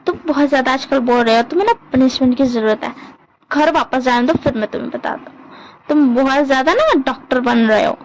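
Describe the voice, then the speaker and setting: A teasing, easily offended young man who whines and overreacts, as a woman puts him on. His voice sits high and his complaints come out dramatic and petulant. He is a figure told in a spoken story. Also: fairly quick, a little mellow, slight background noise, poor audio. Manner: whiny, dramatic.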